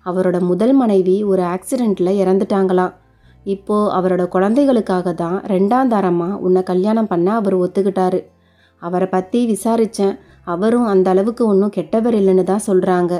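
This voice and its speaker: A woman's voice: mid-range voice, moderate pace, dark tone, faint music behind, close to an everyday voice. A woman voicing a sympathetic older relative who apologetically consoles a young bride in a spoken story. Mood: consoling. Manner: soothing, apologetic.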